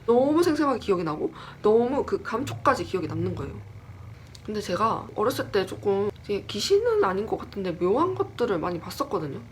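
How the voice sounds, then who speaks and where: With a mid-range voice that moves a little quickly, this woman tells a horror story from her own life in a casual, self-mocking, chatty way. She performs the lines she quotes with lively energy, and faint hiss or hum sits underneath.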